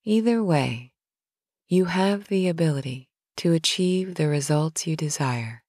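A woman reading a guided sleep hypnosis in a slow, soothing, soft manner, with some phrases whispered. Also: sits low, animated, dry recording, studio quality.

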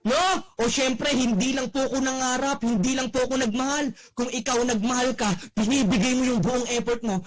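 Very high-voiced young man, shouting testimonial. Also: slight background noise. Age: young adult. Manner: exclaiming and shouting, tags lines with "no?". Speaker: network marketing speaker giving a testimonial. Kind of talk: motivational testimonial speech.

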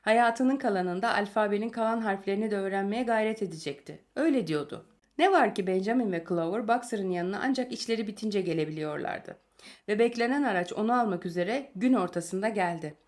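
A woman narrating a novel chapter aloud in a calm, measured storytelling manner. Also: medium pitch. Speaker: audiobook narrator.

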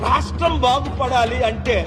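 A man's voice: very high-pitched, moderate pace, over music. A man giving a critical political speech, listing grievances in an accusing way. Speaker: political speaker.

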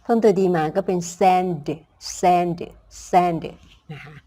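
A Thai woman teaching English phonics to adults. She drills each word slowly, says the sounds again and again, and ends phrases with polite particles. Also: lowish voice, steady tone, mellow. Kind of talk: slow phonics lesson for adults.

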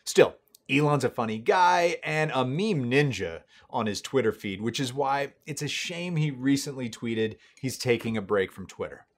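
A man in his thirties delivers scripted comedic commentary, his pitch leaping all over the place. He sounds sarcastic and mock-boastful, talking up his own greatness for laughs. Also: lively intonation, normal speed. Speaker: comedy web show host.

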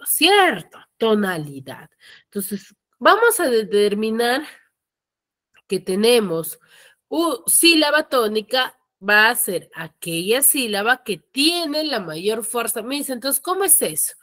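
Lively, high-voiced woman teacher. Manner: explains step by step with frequent checking questions; asks students to mute their mics. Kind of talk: online class lecture. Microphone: computer microphone on a video call.

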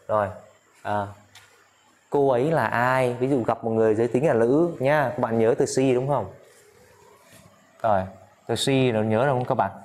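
A man's voice: mid-range voice, darkish tone. Man teaching in a chatty drilling style. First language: Vietnamese. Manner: repeats phrases slowly for drilling, addresses listeners often. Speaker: English teacher. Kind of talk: casual spoken lesson.

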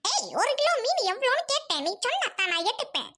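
A woman's voice: big pitch swings, fast talker, full character voice. A woman voicing a rude, bossy young woman who insults a street vendor, for a cartoon. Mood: scornful. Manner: shrill, mocking, shouty. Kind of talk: cartoon voice acting.

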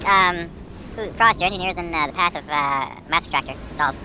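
A man's voice: fairly high pitch, fairly quick. A man whose voice is sped up into a chipmunk sound, teasing and wisecracking in gaming chat. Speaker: online strategy game player. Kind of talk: casual gaming banter over voice chat. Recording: noisy sped-up game capture.

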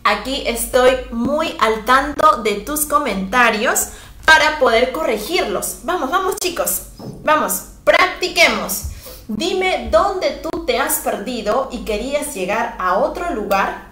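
A woman teaching a lively, chatty language lesson, encouraging her viewers and reading their comments as she goes. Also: high voice, slow pace. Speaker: English teacher. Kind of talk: live-streamed language lesson. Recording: echoey room, voice far from the mic.

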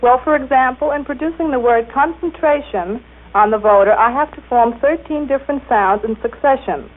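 A woman explains formally in a fairly high voice, enunciating precisely. She sounds as if on a tinny 1930s radio broadcast. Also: normal speed. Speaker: machine operator being interviewed. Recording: tinny, band-limited 1930s radio recording.

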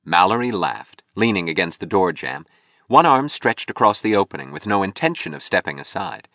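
Deep, expressive male audiobook narrator. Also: no echo, studio quality. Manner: expressive, measured storytelling.

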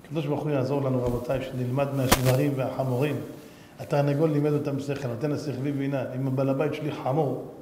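A rabbi preaching a sermon, animated and acting out the figures in his stories. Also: mid-range voice. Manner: animated, acts out animal voices and shouts in the story. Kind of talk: sermon with storytelling. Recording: echoey hall, faint room noise.

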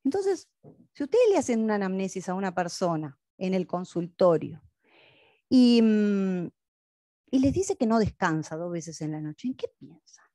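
A woman's voice: mid-range voice, big pitch swings, moderate pace, warm tone, dry recording, clean studio sound. A woman, a speech therapist giving a lecture on a case study and posing rhetorical questions to her audience.

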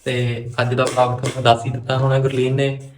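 A man's voice: mid-range voice, completely flat delivery, brisk, a crowd in the background. A man with a Punjabi accent co-hosting a casual home vlog, talking plainly and teasing a little. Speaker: vlog co-host.

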